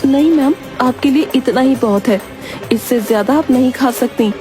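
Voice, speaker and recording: Young cartoon dietitian, polite but firm, high voice, put on by a woman, music behind. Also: normal speed, close to an everyday voice. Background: background music.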